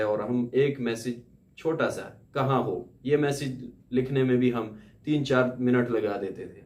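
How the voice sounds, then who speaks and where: A man teaching a Quran recitation lesson, stretching syllables slowly so students can repeat after him. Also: medium pitch, a little mellow, reverberant.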